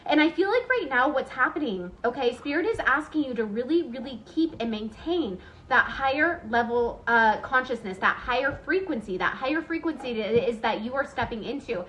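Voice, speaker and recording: A woman's voice: sits high, lively intonation, normal speed, few pauses, a bit bright, a little hiss or hum, poor audio. A young adult woman giving a channeled spiritual reading, rambling earnestly with many restarts and fillers. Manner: earnest, encouraging. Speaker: spiritual reader.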